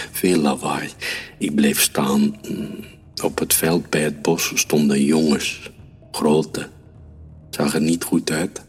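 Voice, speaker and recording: A man reading a children's story aloud in a calm, measured way. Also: very deep voice, slightly rough. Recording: reverberant room with soft music.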